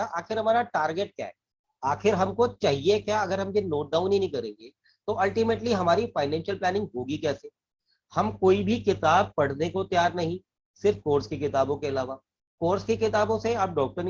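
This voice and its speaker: High-voiced husky man explaining money. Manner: earnest, repeats and restarts phrases, mixes English terms into Hindi. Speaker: financial advisor. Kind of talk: explanatory talk to camera. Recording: dull lo-fi recording.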